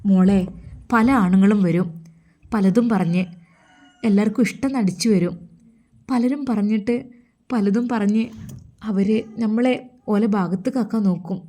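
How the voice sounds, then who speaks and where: A woman's voice: mid-range voice, fairly even intonation, normal speed, pauses often, mellow, close to an everyday voice. A woman voicing an earnest, protective middle-aged mother, pleading and warning in a storybook. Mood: anxious pleading.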